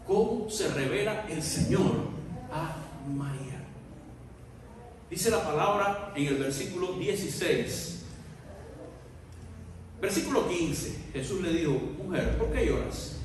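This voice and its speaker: A man with a high voice preaches a sermon, dropping to near-murmurs and then rising to loud, shouted peaks as he acts out scripture scenes. The recording comes from a distance in a big church hall, with a long, roomy echo and faint background hiss. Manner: acts out biblical dialogue. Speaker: pastor. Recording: echoey hall recorded from far off.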